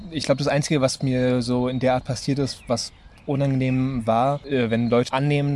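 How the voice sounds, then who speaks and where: A man's voice: medium pitch, a little mellow, slight background noise. A 23-year-old man from Italy, a student, talking casually in an interview, loose and hesitant with many fillers.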